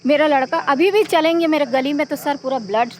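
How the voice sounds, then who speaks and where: A woman's voice: high voice, a little fast, slight background noise. A middle-aged woman, the mother of a victim, giving an urgent, pleading eyewitness account in a news interview.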